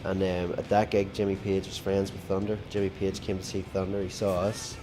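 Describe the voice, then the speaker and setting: A Northern Irish man talks loosely in an interview, rambling through stories with plenty of "you know"s. His voice sits very low. Loud music plays clearly behind him. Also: flat delivery, fairly quick. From Northern Ireland. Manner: chatty storytelling with fillers. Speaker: rock band drummer. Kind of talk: casual interview chat.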